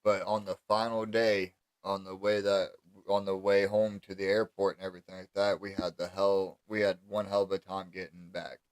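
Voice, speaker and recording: An American man hosts a relaxed-format chat in a low voice. His intonation stays even and flat, and he talks in an informal, conversational way as he asks questions and shares stories. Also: normal speed, hardly any pauses, clean tone, no room sound. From United States. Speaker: interviewer, host. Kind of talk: casual chat.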